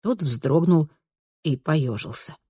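A woman narrating an audiobook in a steady, expressive storytelling manner. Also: sits low, slow pace, breathy edge, no echo, studio quality. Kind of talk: scripted narration.

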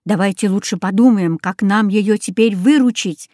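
Woman voicing a calm steady boy. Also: mid-range voice, moderate pace, dry recording, studio quality, close to an everyday voice. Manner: calm, reassuring. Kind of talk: storybook reading.

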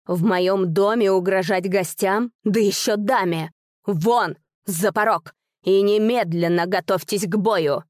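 A woman's voice: mid-range voice, measured pace, no room sound, studio quality, natural voice. A woman doing an outraged male house host. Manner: shouting, indignant.

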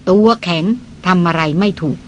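A Thai audiobook reader narrating a novel in a measured, even manner. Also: medium pitch, lo-fi sound, slight background noise.

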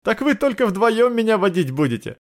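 A man's voice: high voice, very animated, a little fast, voice pushed up. A man voicing a young male prisoner who stays wry and cheeky under threat, in a raised voice.

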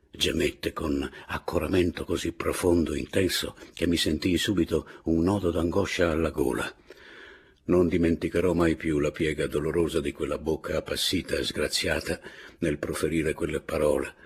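A man reading a classic novel aloud in a measured, expressive narrating voice. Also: extremely low pitch, slightly rough. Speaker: audiobook narrator. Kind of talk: literary audiobook narration.

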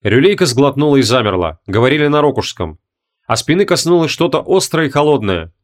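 A man's voice: medium pitch, very animated, a little fast. Man narrating an audiobook dramatically. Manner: dramatic, varied intonation.

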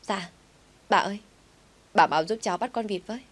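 A woman's voice: medium pitch, moderate pace, voice pushed up, close to an everyday voice. Woman doing a whiny young woman boss. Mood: pleading. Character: clumsy, pampered young woman company director.

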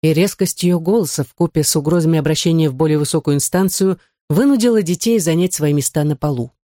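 A woman reading a novel aloud as the narrator, in an even, measured way. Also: deep voice, dry recording. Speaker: audiobook narrator. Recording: dry close studio sound.

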